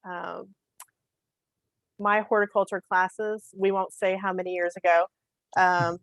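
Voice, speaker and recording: A woman's voice: fairly low pitch, flat delivery, measured pace, no echo, poor audio. A woman moderating a video call panel, chatty and good-humored.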